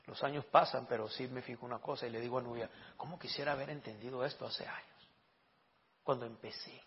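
A man's voice: medium pitch, steady tone, a little fast. A man preaching a conversational sermon as a pastor, asking rhetorical questions and often repeating words as he goes. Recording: dull lo-fi recording.

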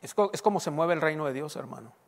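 A pastor preaches a sermon in a church hall, teaching his congregation and quizzing them with call-and-response questions. His voice is on the high side, creaky, and fast. Long hall reverb fills the recording.

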